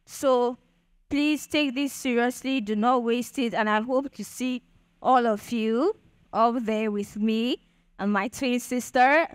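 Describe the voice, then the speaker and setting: A young adult Nigerian-accented woman addresses a Bitcoin event crowd with a conversational motivational talk, repeatedly checking "do you understand?" She speaks slowly in a smooth, slightly high voice, recorded without echo.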